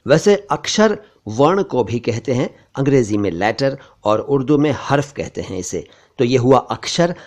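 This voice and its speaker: A middle-aged man giving a pronunciation lesson, saying each word slowly and carefully and repeating it to correct common mistakes. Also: medium pitch. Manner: slow, careful, repeats words to correct them. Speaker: language teacher.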